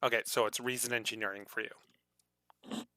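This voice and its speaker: A man narrating a tabletop role-playing game as game master, halting and stumbling, with many fillers and restarts. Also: medium pitch, fairly even intonation, pushed and bright.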